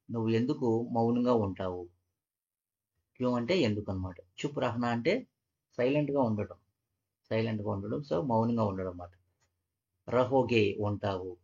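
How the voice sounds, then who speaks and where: A man's voice: mid-range voice, vocal fry, a little mellow, breathy edge. A man teaching a language lesson, patiently repeating each phrase and breaking it into parts. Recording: dull, muffled lo-fi audio.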